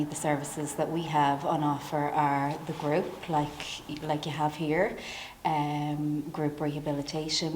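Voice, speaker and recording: An Irish woman, a services manager, explaining her work in an interview in a clear, measured way. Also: deep voice, a little mellow, echoey room, a little hiss or hum, rough recording. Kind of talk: professional interview.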